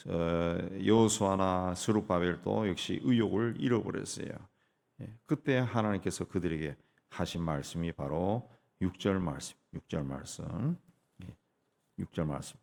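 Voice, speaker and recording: A middle-aged man delivers an early-morning sermon in a very low voice with a gravelly, fry-laden edge. He preaches emphatically, repeating key phrases and dropping in short affirmations between them. His lines climb in sudden bursts of emphasis, then settle back to a deep, steady tone. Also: normal speed. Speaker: pastor.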